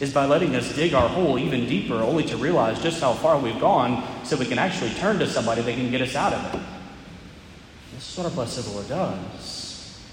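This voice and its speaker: Man, priest, measured reflective homily, long ringing cathedral echo, faint hiss. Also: fairly high pitch. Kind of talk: Gospel reading and homily at Mass. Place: large church.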